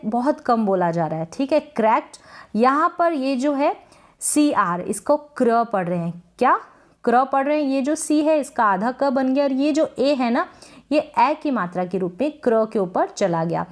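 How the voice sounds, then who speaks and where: A woman's voice: high voice, expressive, unhurried. A woman teaching English pronunciation in a Hindi-language lesson, patiently repeating words and asking her viewers questions to check they follow.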